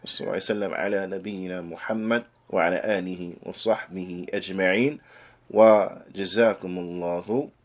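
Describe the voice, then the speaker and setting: A man's voice: deep voice, steady tone, very fast. A man teaching an Islamic class like a preacher, explaining a text phrase by phrase and repeating points to exhort, switching between English and Arabic. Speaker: religious teacher giving a class.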